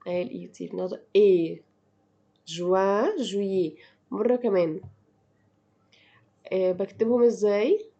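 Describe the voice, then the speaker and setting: An Egyptian-accented woman leads a language lesson, drilling words one by one at a slow, careful pace. Her voice sits in a middle register. The recording is a little dull and lo-fi. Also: mid-range voice, mellow. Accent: Egyptian Arabic. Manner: repeats words slowly and clearly for practice. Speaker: French teacher.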